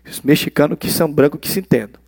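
A man preaching a sermon as a pastor, animated, swinging from loud exclamations to hushed asides. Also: a little high, fast, gravelly, slightly rough, no room sound, studio quality.

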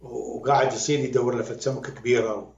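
A man with an Iraqi accent, a music critic and podcast guest, talking in an animated, emphatic way and repeating words to drive his point home. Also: medium pitch, quick pace. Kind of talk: conversational critique. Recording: roomy, dull lo-fi sound.

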